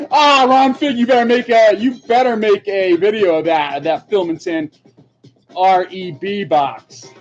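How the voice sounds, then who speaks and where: A man's voice: sits high, takes it slowly. A man hosting a livestream trivia show, chatting casually, laughing often and reading out viewers' comments. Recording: dull lo-fi stream audio with faint music.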